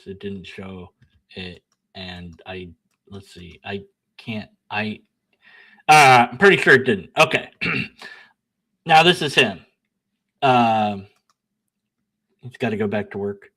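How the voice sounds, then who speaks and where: Over a rough recording, a low-voiced young man speaks slowly with long pauses while reading emails aloud on his own channel. His solo commentary is casual, animated and sarcastic; he mocks himself, laughs and bickers with himself, and sounds blunt and combative reading out his replies.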